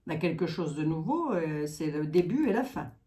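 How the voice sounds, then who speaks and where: A woman's voice: low voice, sing-song, brisk, dark tone. A woman with a Lorraine accent giving a tarot card reading, musing aloud with trailing asides and frequent tags. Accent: Lorraine French.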